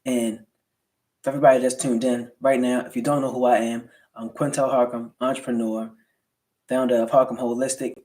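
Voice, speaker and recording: A man's voice: medium pitch, little pitch movement, brisk, darkish tone. American man with slightly slurred, swollen-lip speech. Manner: colloquial motivational delivery with rhetorical check-ins. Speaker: livestream host, entrepreneur. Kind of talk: casual livestream talk to viewers.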